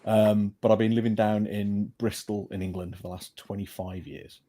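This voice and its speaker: A man's voice: on the low side, level tone, normal speed, dark tone. A man from North Wales guesting on a podcast, friendly and teasing.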